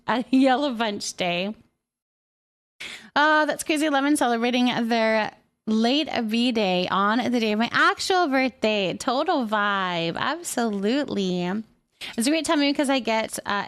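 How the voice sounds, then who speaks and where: The voice is fairly high-pitched, belonging to a woman who hosts a laid-back livestream. She chats on while working through comments and replying, frequently restating her phrases as affirmation.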